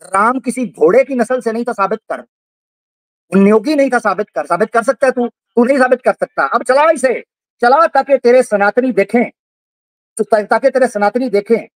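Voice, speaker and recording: A man's voice: very high voice, normal speed, dry recording. A man hosting a livestream debate, taunting and repeating his jabs in a heated call-out. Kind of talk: heated live call-out on stream.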